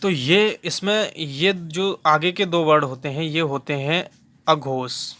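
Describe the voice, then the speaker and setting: A male teacher with a bright, fairly high voice gives a lecture on phonetics. He talks slowly and patiently, repeating terms and pronouncing each sound aloud to demonstrate it. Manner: patient, repeats key terms and demonstrates sounds aloud, frequent "theek hai" check-ins. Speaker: Hindi teacher for exam preparation.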